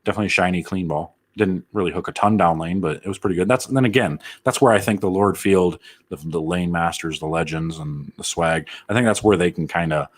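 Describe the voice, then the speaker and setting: A man with a deep, slightly husky voice hosts a casual live stream. He rambles, cracks jokes and reads viewer comments aloud as he goes. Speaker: bowling channel host answering live chat.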